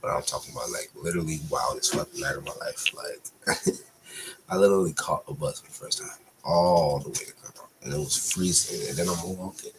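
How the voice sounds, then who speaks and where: A man's voice: extremely low pitch, fairly quick, background noise. A young man casually telling a long storytime, slangy and profane, with a loose, rambling delivery.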